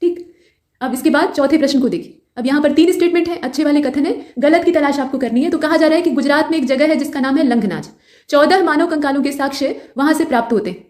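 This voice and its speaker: A high, slightly mellow female voice explains exam questions in an instructional quiz lesson. English terms are mixed in, points get repeated in both English and Hindi, and the recording has a roomy echo.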